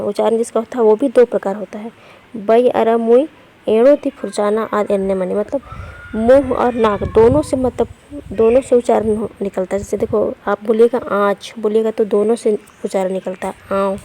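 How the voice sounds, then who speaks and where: Woman doing an online lesson, fairly high voice, goes through letters one by one, bit of noise behind. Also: dark tone. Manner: slow, explains step by step, often checks with "ठीक है"; reads out letters and example words one by one. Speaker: language teacher.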